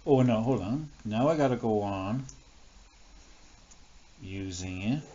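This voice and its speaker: A man's voice: fairly low pitch, expressive, takes it slowly, warm tone. Male maths teacher, thinking aloud. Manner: thinks aloud, many fillers and self-corrections. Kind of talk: recorded classroom lesson, working examples on screen. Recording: dull lo-fi screen recording with faint noise.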